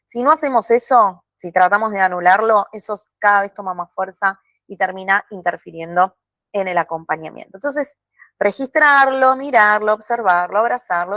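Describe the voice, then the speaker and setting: A woman teaching a recorded video lesson in a calm, explanatory way, often checking in with short tag questions. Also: medium pitch, no room sound. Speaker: course instructor.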